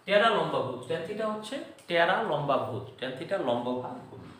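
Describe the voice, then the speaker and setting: High-voiced man teaching in an echoey room. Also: expressive, a bit bright, a little hiss or hum. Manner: slow, deliberate teaching with repeated memory rhymes. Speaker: math teacher. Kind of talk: classroom math lesson. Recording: echoey room, voice far from the mic.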